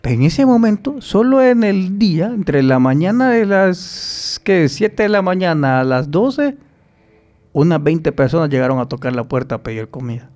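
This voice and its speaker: Animated storytelling man, higher voice. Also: moderate pace. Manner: animated storyteller who acts out quoted voices. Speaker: podcast guest. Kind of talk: storytelling in an interview.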